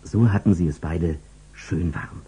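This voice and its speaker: A man narrating a children's story in a lively, expressive way. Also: low-pitched, a little slow, breathy edge.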